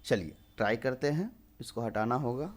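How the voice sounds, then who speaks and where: A man in his twenties with a medium-pitched voice teaches programming at a moderate pace in a screen-recorded coding lesson. He explains step by step and answers his own questions.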